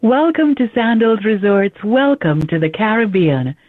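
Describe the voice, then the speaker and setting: A recorded phone menu message played down the line, the announcer's voice rising and falling in a lively, polished way. The sound is thin and tinny like a phone line, with no room echo. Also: medium pitch, a little slow. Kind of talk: automated greeting and menu prompts.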